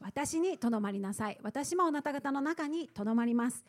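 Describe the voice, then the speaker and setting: A woman with a slightly high voice interpreting a sermon live. She relays each phrase steadily and often opens with a small hesitation sound. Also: brisk. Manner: steady, uses filler "eto" before phrases.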